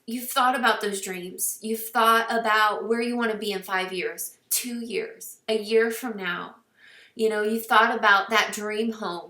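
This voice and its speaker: Woman, 30s to 40s, team coach, earnest, encouraging, filler words, slightly high, echoey room, distant mic. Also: bright, forceful tone. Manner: earnest, encouraging, many fillers, gets teary. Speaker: fitness business team coach. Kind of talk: casual recruiting talk to camera.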